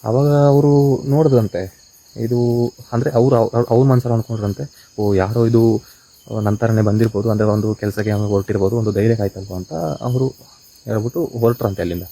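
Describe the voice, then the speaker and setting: Man with a dark voice, ghost-hunting vlogger. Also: mid-range voice, a little fast, breathy edge, low-quality recording. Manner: repetitive storyteller, excited calls of "hey" when startled. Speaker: vlogger exploring a haunted house. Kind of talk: night ghost-hunting vlog, storytelling and exploring. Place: outdoors at night in an abandoned house. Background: crickets and insects.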